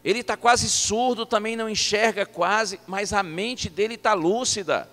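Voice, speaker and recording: A man's voice: high-pitched, unhurried, a bit bright, voice pushed up. A friendly woman caregiver who keeps insisting, in a raised voice, as a male preacher puts her on. The sound carries a long church-hall echo. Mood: insistent. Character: cheerful middle-aged woman caregiver.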